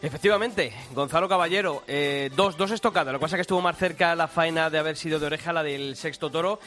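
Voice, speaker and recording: A man giving brisk, knowledgeable bullfighting commentary on the radio. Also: fairly high pitch, fairly bright tone, faint music behind.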